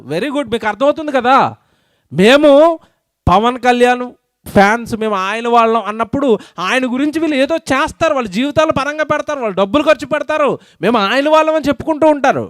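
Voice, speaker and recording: High-voiced preacher with a dry sound. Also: male voice, no echo. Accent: Telugu. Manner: questions the crowd, quotes scripture slowly and loudly. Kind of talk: sermon at a public meeting.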